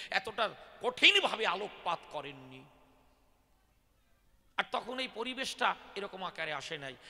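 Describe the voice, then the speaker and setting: A man's voice: high voice, gravelly, pushed and bright. A man telling devotional stories to a gathered audience, often throwing rhetorical questions at them. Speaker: devotional folk poet-singer. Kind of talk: devotional storytelling discourse to a live audience. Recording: reverberant hall.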